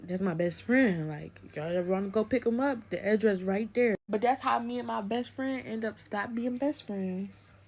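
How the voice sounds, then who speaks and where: A woman's voice: medium pitch, normal speed. A young woman telling a casual storytime, animatedly acting out the people she quotes. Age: young adult. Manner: animated, acts out quoted voices.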